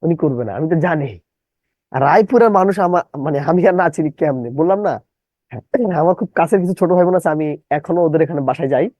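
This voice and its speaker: A man's voice: on the high side, fast talker, darkish tone, no room sound, low-quality recording. A middle-aged man from Bangladesh teaching a live online English lesson. He repeats his own questions and breaks words into syllables.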